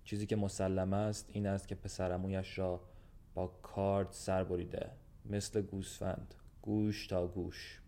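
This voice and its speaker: A man's voice: low voice, level tone, mellow. A man voicing an old, blunt, fatherly gendarme who talks in a weary, matter-of-fact way in a storybook reading.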